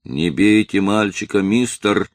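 Male reader as imperious marquis, low, commanding. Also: unhurried, no echo.

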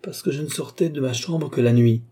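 A man playing a young man who answers gently and with resignation, his voice soft and dark with a husky grain. An audiobook reading at an ordinary pitch. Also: fairly quick, natural voice. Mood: resigned. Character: calm young man facing his accuser.

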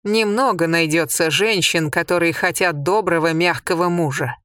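A woman's voice: on the low side, normal speed, a bit bright, no echo, studio quality, close to an everyday voice. A reader voicing a scornful old grandmother. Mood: mocking. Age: older. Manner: mocking, blunt. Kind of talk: audiobook character voice.

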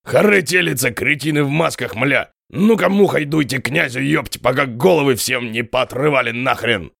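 A man voicing a hot-tempered, foul-mouthed male healer who curses and rants in drawn-out yells. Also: mid-range voice, vocal fry, no room sound, clean studio sound. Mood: ranting. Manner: cursing, ranting, drawn-out shouts.

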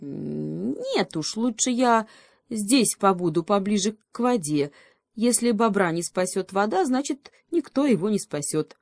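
A woman's voice: medium pitch, lively intonation, a little slow, gravelly, darkish tone, dry recording, studio quality, voice pushed up. A woman voicing an earnest young male beaver in a storybook, firm and lecturing.

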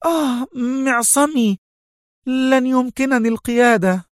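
A man's voice: extremely high pitch, a little slow, no room sound, studio quality, voice pushed up. A man voicing a cold, sneering female accomplice in a raised voice.

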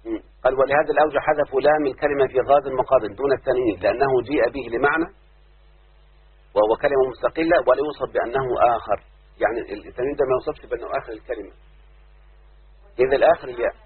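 A man's voice: medium pitch, racing, husky. A man with an Egyptian Arabic accent teaching a grammar lesson, who keeps checking with his listeners through repeated questions. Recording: muffled phone-like audio.

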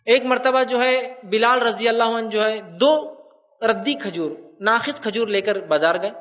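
A man giving an animated religious lecture, repeating his points and asking listeners rhetorical questions. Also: very high voice, recorded from a distance, lo-fi sound. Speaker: Islamic lecturer.

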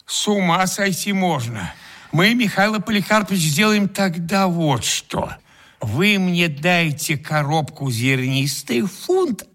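Man doing a miserly host, forced politeness, bright, slow delivery. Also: a little high, exaggerated voice. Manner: fawning, strained courtesy. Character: stingy suffering male host, forced politeness. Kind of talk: humorous story reading.

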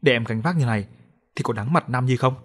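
A man's voice: mid-range voice, fast, fairly bright tone, husky. A brash young village lad talks with a cheeky, confident edge. His voice sits in an everyday middle range, since the male narrator voices him with little change. He comes from a spoken audio story. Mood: cocky.

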